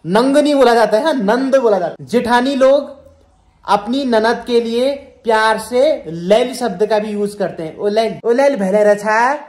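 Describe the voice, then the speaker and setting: A man's voice: extremely high pitch, a little slow, a little mellow. Man teaching words, echoey room. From Kumaon, Uttarakhand. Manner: repeats each word, quizzes the viewer. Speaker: language teacher. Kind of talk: spoken language lesson.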